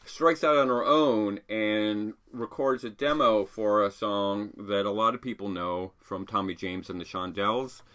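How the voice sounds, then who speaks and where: Middle-aged host, low but bright and forceful voice, keen and rambling, asks lots of questions. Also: male voice, measured pace, few pauses. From England. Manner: enthusiastic, rambling with fillers and rhetorical questions. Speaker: vinyl show host and sociology professor. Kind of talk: casual music talk to camera.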